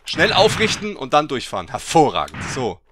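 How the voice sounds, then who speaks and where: A fairly high-voiced man gives let's play commentary, swinging his pitch wildly as he reacts. He teases and swears and breaks into sudden yells. Game sounds and clicking are clearly heard under his voice. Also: moderate pace, a little hiss or hum. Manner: excitable, swears, bursts into yells; mocking, teasing banter.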